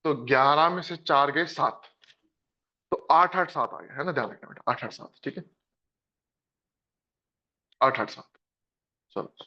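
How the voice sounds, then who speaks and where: A man's voice: on the high side, measured pace, long pauses. A man with an Indian accent teaching math, going over a test with students in an encouraging way. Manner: lively, encouraging, addresses students as beta. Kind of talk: discussing a test in class. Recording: dull lo-fi classroom recording.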